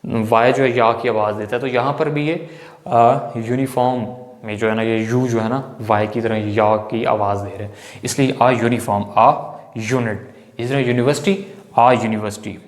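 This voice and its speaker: A man's voice: mid-range voice, fairly even intonation, normal speed. Echoey male English teacher lecturing. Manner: repetitive, asks the viewers questions and answers them, often says "friends". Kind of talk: explanatory grammar lecture. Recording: echoey room with long reverb.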